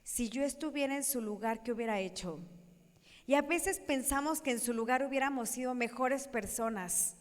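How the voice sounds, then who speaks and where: A woman giving a lively sermon talk, acting out voices and asking her audience questions. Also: fairly high pitch, normal speed. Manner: animated, acts out quoted voices, questions the audience. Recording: echoey hall.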